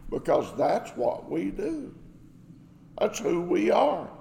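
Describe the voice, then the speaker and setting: Man, pastor, sermon, slow and deliberate, gravelly voice, slightly high pitch, long hall reverb. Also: big pitch swings, dark tone, a little hiss or hum. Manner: slow, emphatic preaching with rhetorical questions.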